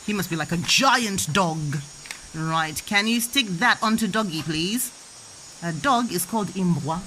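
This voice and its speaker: Woman, mother teaching a toddler, lively swooping intonation, encouraging questions, playful lesson, noisy home recording. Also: lowish voice, measured pace. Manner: encouraging, sing-song questions and repetition. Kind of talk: playful children's language lesson.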